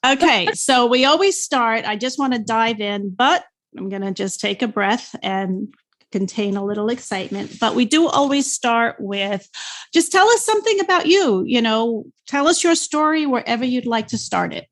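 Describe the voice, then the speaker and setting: A woman's voice: a little high, lively intonation, moderate pace, fairly bright tone. A woman in her sixties with a New York accent, hosting a podcast in an enthusiastic, chatty way. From New York State. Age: 60s. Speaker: podcast host. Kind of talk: upbeat podcast intro and interview.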